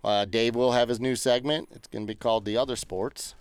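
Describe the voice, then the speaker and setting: A man's voice: medium pitch, steady tone, brisk, clean tone, no echo. A man hosting a casual podcast with his brothers, upbeat and loose, often trailing off with fillers. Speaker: podcast host. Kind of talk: casual chat among brothers.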